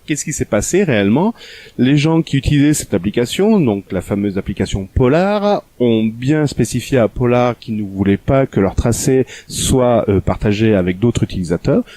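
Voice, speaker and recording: A man co-hosting a casual tech news podcast, wry and quick to laugh, teasing his co-host. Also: mid-range voice, animated, warm tone, dry recording.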